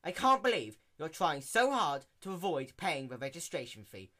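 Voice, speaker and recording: Storybook mayor mare, played by a man: officious, exasperated, theatrical lecturer, higher register, bright edge. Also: sing-song, moderate pace. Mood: stern, disappointed. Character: stern, weary female pony mayor, officious. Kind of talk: dramatic reading of fan fiction.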